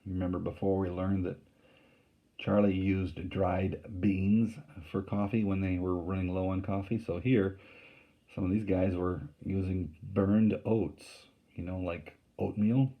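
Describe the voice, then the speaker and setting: Husky low-voiced man reading aloud. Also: steady tone, unhurried, phone-quality sound. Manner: plain, explaining aside in a casual tone. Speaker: teacher. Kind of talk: reading a novel aloud to a class with explanatory asides.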